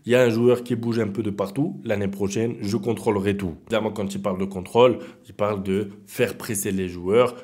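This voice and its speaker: A young man giving a casual, animated monologue on football, arguing his point and speaking as if in a player's head. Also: fairly low pitch, a little fast, hardly any pauses. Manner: animated, argumentative, role-plays the player's thoughts. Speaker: football commentator YouTuber.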